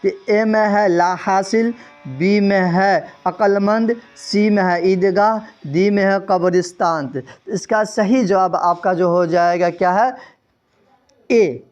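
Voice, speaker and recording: A man's voice: high voice, fairly even intonation, highs cut off, faint music behind. A man teaching an exam-prep quiz lesson. He reads out the answer options and repeats each question to his students.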